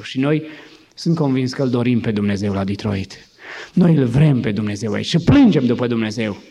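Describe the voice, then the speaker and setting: A man's voice: mid-range voice, vocal fry, dark tone. A male pastor preaching an emphatic, dramatic sermon in a church. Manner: emphatic, dramatizing with acted voices.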